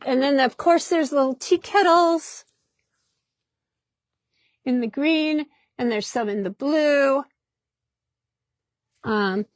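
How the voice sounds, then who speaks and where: A woman's voice: sits high, dry recording, clean studio sound. A woman hosting a casual product demonstration in a fabric shop, chatty and upbeat, often repeating herself.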